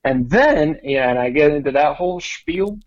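A man who was born in Cameroon, a guest on a podcast, talking casually in a relaxed, wry and self-deprecating way. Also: fairly high pitch, normal speed, dull audio. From born in Cameroon, raised in several countries. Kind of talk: casual conversational interview.

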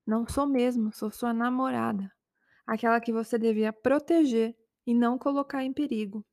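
A fed-up young girlfriend in a spoken story, voiced by a woman reading it. She scolds firmly and plainly, in a dry, close voice pitched a little high. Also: fairly even intonation, normal speed, a little mellow, no room sound, natural voice. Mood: reproachful. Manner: firm, reproachful.

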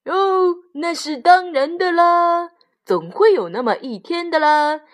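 A woman's voice: very high-pitched, expressive, slow, pitched above the performer's own voice, full character voice. Woman doing a sing-song doting father sheep. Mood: soothing. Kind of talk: storybook read-aloud.

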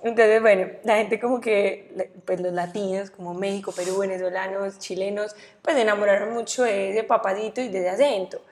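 A young woman from Medellín with a paisa accent, telling her story as a podcast guest, animated and quick to laugh. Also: medium pitch. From Medellín, Colombia. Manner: animated, laughs often, acts out quotes. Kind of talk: casual interview storytelling.

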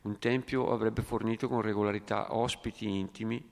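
A man reading a book aloud and pausing for quiet, reflective comments, in an echoey hall. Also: on the low side, steady tone, gravelly. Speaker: reader and commentator.

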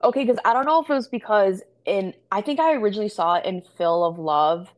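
A woman's voice: mid-range voice, expressive, quick pace, low-quality recording. Giggly rambling woman podcast host. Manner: giggly, rambling, full of fillers. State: high. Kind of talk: casual chat.

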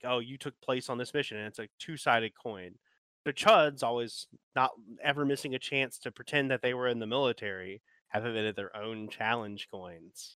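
Guy ranting on a podcast, rambling, says like a lot, bright clear voice, dry sound. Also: medium pitch, dry recording. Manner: rambling, ranting, heavy use of filler "like". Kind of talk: casual chat.

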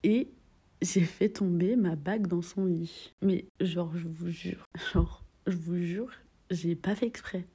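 A woman's voice: on the low side, fairly even intonation, slow pace, mellow, slightly rough. A young woman in her twenties telling a holiday story in a chatty, slangy vlog, joking at her own expense and dropping into whispered asides. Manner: chatty, slangy, mixes in English phrases; playful, self-mocking, drops into whispered asides. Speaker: vlogger.

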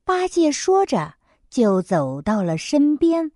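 A woman narrating a children's story in a friendly, big-sister manner. Her pace is slow and her pitch rises and falls a lot. The recording is dry and close. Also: big pitch swings, mellow, no echo.

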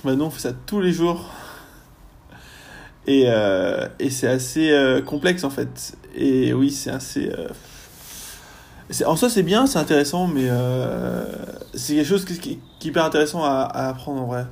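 Young guy student, bit of a rough gravelly voice, casual interview chat, lots of euhs. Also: mid-range voice, normal speed. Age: young adult. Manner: chatty, lots of hesitations and fillers. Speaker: university student guest.

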